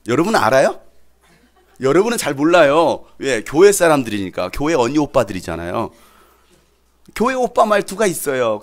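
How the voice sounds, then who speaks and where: A man preaching a sermon as pastor, putting questions to the congregation and acting out quoted speech. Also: a little high. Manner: animated, asks the congregation questions and acts out quotes.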